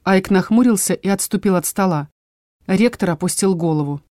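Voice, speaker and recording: A woman reads a fantasy audiobook aloud, her voice of middle pitch. She reads expressively and shifts into the characters' voices. The recording is close and dry, with no room sound. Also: normal speed, no echo. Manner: expressive reading, voicing many characters. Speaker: audiobook narrator. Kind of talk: audiobook narration.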